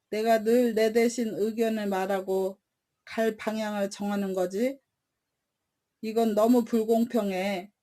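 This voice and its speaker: A woman reading aloud gives voice to a snake's tail that whines about always having to follow. Its complaint comes out indignant and aggrieved, in a mellow, warm voice of middling pitch, as in a softly read storybook. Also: lightly acted. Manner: whining, indignant.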